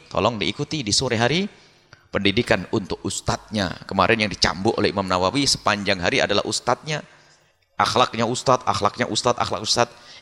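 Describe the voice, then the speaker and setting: A man preaching a sermon with Quran commentary, switching into pleading prayer voices and acting out dialogue. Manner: animated, acts out prayers in high voice. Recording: hall reverb.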